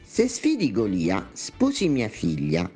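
A man's voice: lowish voice, huge pitch swings, slow pace, mellow, slightly rough, soft background music, heavily acted. A man voicing a sly, jovial old king who coaxes and falsely reassures. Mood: coaxing.

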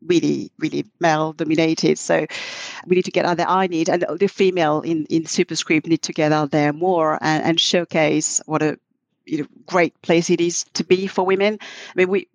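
Her voice sits low and her tone stays steady, with no echo in the audio. This middle-aged marketing executive, a non-native English speaker, is a guest on a podcast interview, and she talks in a considered, halting way, frequently starting her sentences over.

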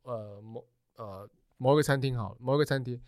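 A man co-hosting a podcast, telling a story in quick, insistent casual chat. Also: mid-range voice, a little mellow, dry recording, studio quality. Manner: rapid storytelling, defensive and insistent. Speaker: podcast co-host.

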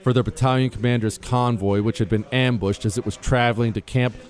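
An American man, a radio host, reading a military citation aloud in a crisp, formal, scripted manner. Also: medium pitch, fairly even intonation, a little fast, darkish tone. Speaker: radio talk show host.

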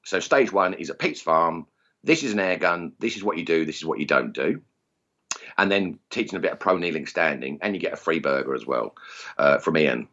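A man's voice: rumbling low, fairly quick, fairly bright tone, lo-fi sound. A man with an Essex accent chatting casually as an interview guest, self-deprecating and jokey. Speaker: interview guest, target shooting instructor. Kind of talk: casual chat.

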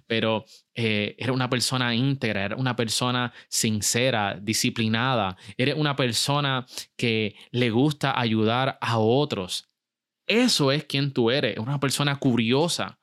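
Energetic male podcast host. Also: medium pitch, unhurried. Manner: energetic, mixes English words into Spanish. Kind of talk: motivational podcast monologue.

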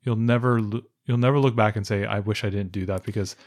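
A man with a fairly low voice co-hosts a relaxed podcast chat. He rambles along with lots of restarts and filler words, never quite rushing. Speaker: podcast co-host. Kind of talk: casual chat.

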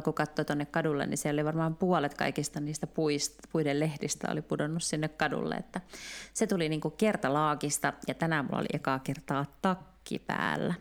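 A woman with a low voice and a lot of gravelly fry chats casually on a podcast. She tells everyday stories with animated, conversational energy. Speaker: podcast co-host. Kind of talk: casual chat.

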